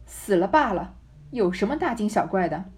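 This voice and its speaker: A woman voicing a proud, sharp-tongued young noblewoman who complains bitterly in a storybook reading. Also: mid-range voice, very animated, moderate pace, husky. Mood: defiant. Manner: complaining, bitter self-pity.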